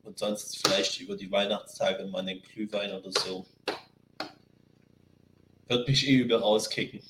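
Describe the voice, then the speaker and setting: A man's voice: on the low side, steady tone, moderate pace, echoey room, heavy background noise. A young man telling a rambling story in casual slang as a podcast co-host. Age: young adult. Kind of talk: casual chat.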